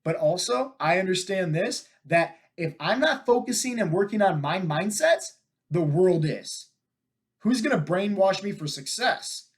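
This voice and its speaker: A man hosting a fitness coaching podcast, telling stories in an energetic, casual way and often checking in with "right?". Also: sits high, a little slow. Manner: energetic, talks to listeners with frequent "right?" and "like" fillers. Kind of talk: casual storytelling monologue.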